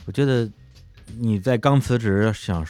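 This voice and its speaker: A man with a very deep voice hosts a podcast conversation. He asks calm, measured questions and keeps the talk going with short affirmations. Faint music plays softly behind him. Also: smooth. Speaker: podcast host. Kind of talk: casual conversational interview.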